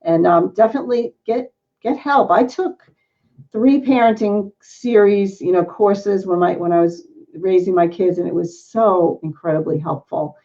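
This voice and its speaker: A woman's voice: mid-range voice, normal speed, mellow, highs cut off. Effusive middle-aged woman host. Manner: effusive and emotional, with many exclamations. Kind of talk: casual interview chat.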